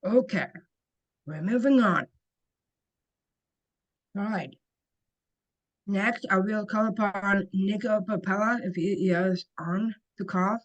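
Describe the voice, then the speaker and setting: Slow, careful woman hosting a webinar. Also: mid-range voice, highs cut off. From Ontario, Canada. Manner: slow and careful, with small restarts. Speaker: webinar host, council member. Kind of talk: reading a prepared webinar introduction. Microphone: video call.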